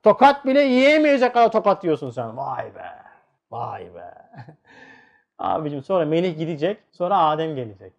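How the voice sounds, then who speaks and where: A man teaching a religious lesson to listeners. He talks in a lively way and fires off rhetorical questions. He repeats key words for weight and swings between loud bursts and hushed lines. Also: high-pitched.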